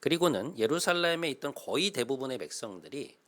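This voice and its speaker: A male pastor in his thirties preaching a sermon, explaining patiently with frequent "uh" fillers and swelling to loud, emphatic calls. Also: mid-range voice, sing-song, fairly quick.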